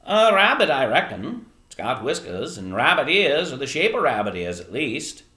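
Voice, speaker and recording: A man's voice: mid-range voice, very animated, moderate pace, bright, forceful tone, roomy sound, voice pushed up. A man voicing a grizzled, kindly old fisherman from a children's storybook, with an attempted Eastern Maine accent and folksy, plain speech. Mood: curious, appraising. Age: older. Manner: folksy, musing, colloquial.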